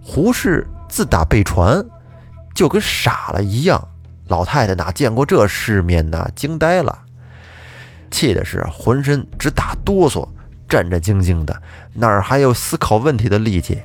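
Male storyteller, unhurried and lively in pitch, colloquial folk-tale narration over faint background music. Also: slightly rough.

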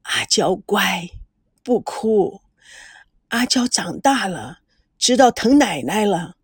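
A woman voicing a gentle, long-suffering grandmother who soothes in a soft, slow, hushed voice. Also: lowish voice, animated, husky, no echo, clean studio sound, voice pushed down, full character voice. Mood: soothing.

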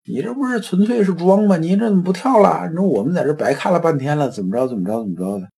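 A man's voice: mid-range voice, big pitch swings, fast talker, dark tone, husky, exaggerated voice. A man voicing a jeering bystander who taunts someone in distress, in a raised, sneering tone. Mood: mocking. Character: jeering male bystander, mocking and callous.

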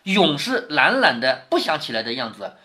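A man's voice: fairly high pitch, very animated, moderate pace, bright, forceful tone. A man reading a classic novel aloud to his daughter, stopping often to explain it and check that she follows. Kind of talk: storytelling with explanations.

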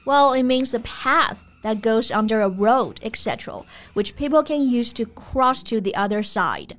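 A young woman co-hosts a bilingual English-learning podcast with a calm, teacherly manner. Her voice sits slightly high and stays steady as she explains stress and spells words out. She sounds composed and clear. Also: normal speed. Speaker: podcast co-host.

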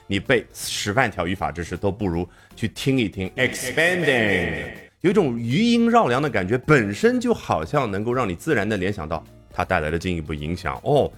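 Lively male English teacher. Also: on the low side. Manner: lively, reads English passages aloud then breaks them down. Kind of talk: explaining an English news article in Chinese.

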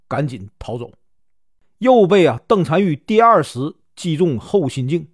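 A man's voice: a little high, very animated, unhurried, breathy edge, no room sound, studio quality. A man with a Northeastern Mandarin accent retelling a classic novel in a casual way, stretching out filler particles between phrases. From Northeast China. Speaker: storyteller.

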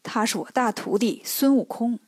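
A woman's voice: on the high side, moderate pace, no room sound, natural voice. A woman voicing a polite, naive male monk master who speaks plainly. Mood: earnest.

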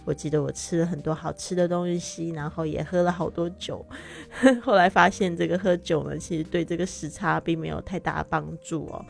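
A woman with a low, slightly gravelly voice runs a casual spoken English lesson. She chats her way through each word and spells terms out letter by letter. The sound is dry and close, with faint music playing underneath. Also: steady tone, moderate pace, a little mellow. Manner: chatty, spells words out letter by letter. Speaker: English teacher. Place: living in Barcelona, dry room.

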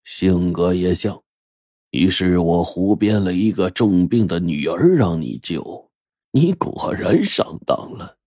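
A man voicing a scheming, gloating rich old boss in an audio story, speaking slowly and menacingly. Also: deep voice, lively intonation, warm tone, husky, dry recording, studio quality, heavily acted.

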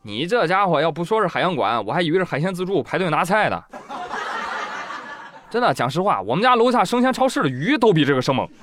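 A man's voice: on the high side, sing-song, fast, music in the background. A man giving comic news commentary, wisecracking and often laughing.

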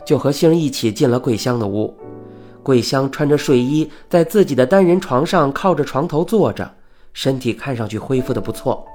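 A man narrating an audiobook novel in a lively storytelling manner. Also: mid-range voice. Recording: faint background music.

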